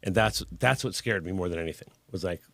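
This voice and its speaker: In a casual interview conversation, a guest artist in his forties tells his story candidly and laid-back, swearing here and there. His deep voice is a bit bright, he talks fast, and there's no echo.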